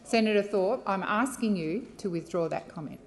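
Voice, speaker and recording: A woman's voice: medium pitch, normal speed, darkish tone, a little hiss or hum. An Australian woman chairs a formal parliamentary debate with firm authority. She speaks in procedural instructions and often repeats them. Her voice rings with long reverb in a large chamber. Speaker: parliamentary presiding officer.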